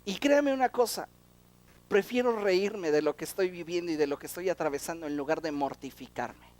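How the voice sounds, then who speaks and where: A man preaching a sermon as pastor, animated and full of rhetorical questions. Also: high voice, a little fast.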